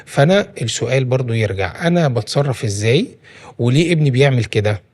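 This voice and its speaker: Fast-talking Egyptian man explaining parenting. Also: medium pitch, expressive, a little mellow. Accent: Egyptian Arabic. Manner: explains with everyday examples, many restarts. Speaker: parenting guest expert. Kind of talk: casual studio conversation.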